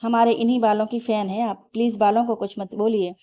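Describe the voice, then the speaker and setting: A woman voicing an affectionate, courteous young husband in a spoken storybook, soft and polite in her own warm voice. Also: a little high, flat delivery, brisk, lightly acted. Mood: tender. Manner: soft, tender and polite, using respectful plural address.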